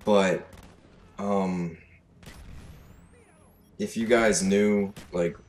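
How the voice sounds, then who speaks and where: A seventeen-year-old from Alberta, Canada, speaking with a Canadian accent, goes on a casual, profane, fed-up gaming rant. His low, slightly mellow voice holds a steady tone and moves very slowly. The home recording has clear noise.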